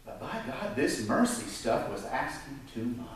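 Animated man preaching in an echoey church. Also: unhurried, far from the mic, a little hiss or hum. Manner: animated, gesturing preacher with wide swings in pitch. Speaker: pastor. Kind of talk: sermon. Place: church sanctuary. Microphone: pulpit mic, filmed from the pews.

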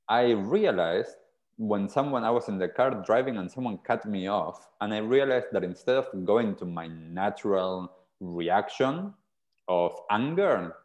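A man's voice: fairly low pitch, darkish tone, muffled recording. A man in his thirties from Argentina, a podcast guest telling his story in an earnest, reflective way over a video call with earphones. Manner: earnest, reflective, gestures while talking. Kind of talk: casual interview storytelling. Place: small indoor room. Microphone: earphone headset on a video call.

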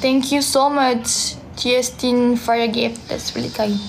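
A French livestream host with a high voice and vocal fry speaks through a phone held at arm's length in a small indoor room, with slight background noise. Her intonation is fairly even as she softly, slowly and warmly reads viewer comments and answers them one by one.

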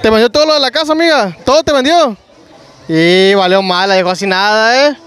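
A man's voice: high voice, brisk, a bit bright, clean tone. A young man with a Mexican Spanish accent hosting a street game at an outdoor market on a handheld mic, teasing the couple and hyping the crowd with slang. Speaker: street prank show host. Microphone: handheld microphone.

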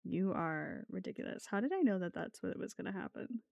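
A woman's voice: mid-range voice, lively intonation, a little fast, gravelly, a little mellow, dry recording, lo-fi sound. A woman streaming casually as a VTuber, talking in a playful, giggly gamer-girl way with swearing, close on the mic. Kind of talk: casual live stream chat.

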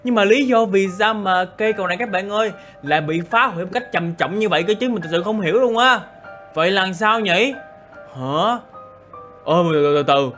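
A man narrating a Minecraft role-play, excitable and full of exclamations and asides to viewers. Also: sits high, moderate pace, soft background music. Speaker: gaming YouTuber.

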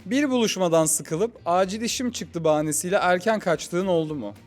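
A man reading interview questions in a brisk, questioning way. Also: high-pitched. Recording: music playing under voice. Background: music.

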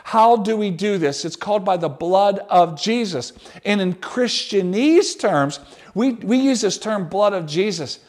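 A male pastor, preaching a sermon in an animated, conversational way, often restarting his sentences. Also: high voice, unhurried.

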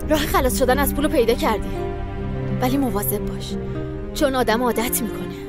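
A bitter young woman, cold and dismissive, fairly high voice, dubbed drama with loud music underneath. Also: lively intonation. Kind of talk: Persian drama dubbing.

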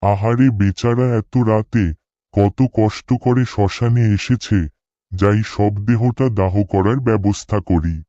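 A man voices a dutiful, earnest village cremation-ground worker in a horror cartoon, speaking dialogue and inner thoughts with a puzzled, uneasy mood. His voice is fairly low, steady and mellow, at a measured pace and close to natural, on a dry, dull-sounding recording.

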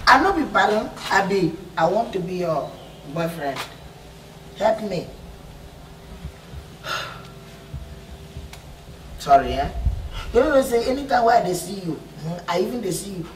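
A man's voice: sits high, a little hiss or hum. An actor with a Nigerian accent playing a cheeky, lovestruck young male student who begs a girl to date him in rambling pidgin. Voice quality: pleading, playful, rambling. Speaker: student suitor. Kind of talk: comic film acting.

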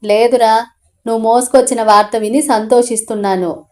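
Storybook: woman voicing a sarcastic, short-tempered father, scolding, a little high. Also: steady tone, moderate pace, darkish tone, natural voice. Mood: indignant. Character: stern short-tempered middle-aged village father.

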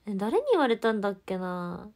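A young woman with a chats casually into a close phone mic, answering viewer comments. Her talk swings from quiet murmurs to bright, giggly exclamations. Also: mid-range voice, big pitch swings, fairly quick. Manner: chatty and giggly, drifting between soft murmurs and brighter exclamations. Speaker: idol livestreamer. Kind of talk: casual livestream chat, reading viewer comments.

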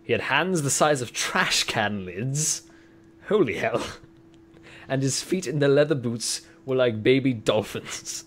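A man reads a fantasy story aloud in a mid-pitched voice, stopping now and then to crack jokes and banter. His delivery is loose and comic rather than polished. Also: animated, unhurried, fairly bright tone, slight background noise. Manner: reads narration, breaks off to banter and joke. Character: Professor McGonagall, stern older woman. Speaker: reader and puppet show performer.

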